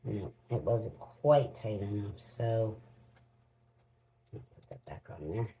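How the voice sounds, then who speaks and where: A woman's voice: a bass voice, takes it slowly, warm tone, slight background noise, rough recording. A woman hosts a casual crafting vlog, muttering to herself as she works in homespun phrasing. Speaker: crafting channel host. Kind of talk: casual unboxing and demo vlog.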